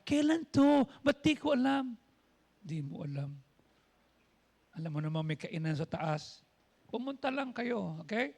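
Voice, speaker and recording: In church, a man with a very high-pitched, slightly bright voice delivers a sermon as pastor. His storytelling style has him acting out people's words in different voices, and he mixes in English phrases.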